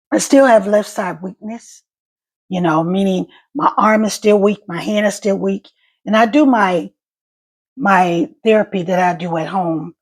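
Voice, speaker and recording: A woman talks casually and directly to her online viewers. Her voice is husky and full of fry, with a wet gargle to it as she speaks. Her speech is a little halting, with small stutters. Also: mid-range voice. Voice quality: gravelly, husky. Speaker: vlogger and stroke survivor. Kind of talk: casual personal vlog to viewers.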